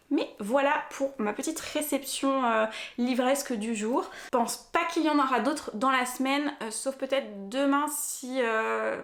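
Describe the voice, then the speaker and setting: Young female vlogger, slightly high, rambling and hesitant, echoey room. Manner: chatty, many fillers and restarts. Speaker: book vlogger. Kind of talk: casual vlog chat, unboxing. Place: rural home, later in a henhouse.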